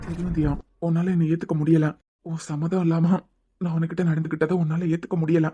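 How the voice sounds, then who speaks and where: A woman's voice: sits low, level tone, brisk, slight background noise, natural voice. A woman voicing a worried young husband in a cartoon who keeps pressing his wife to see a doctor. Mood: gentle. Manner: pressing, gently coaxing. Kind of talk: cartoon voice acting.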